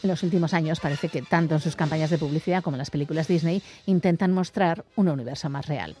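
A woman radio presenter, reading a measured, informative scripted segment. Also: low voice, mellow, faint music behind. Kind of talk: scripted narration.

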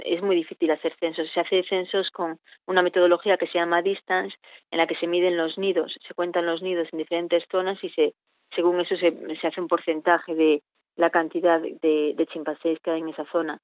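A woman's voice: on the low side, no room sound. Woman on a tinny phone line. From Spain. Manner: reflective, searching for words. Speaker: veterinarian at a chimpanzee sanctuary. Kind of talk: interview answers.

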